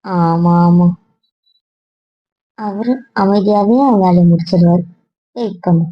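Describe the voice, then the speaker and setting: A woman's voice: on the low side, slow, no echo, highs cut off. A woman acting in an amateur web series, chatty and teasing.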